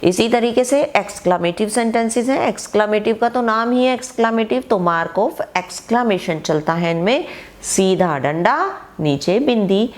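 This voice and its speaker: A woman teacher giving an online grammar lesson, who explains slowly and reads her example sentences aloud with emphasis. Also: on the high side, animated.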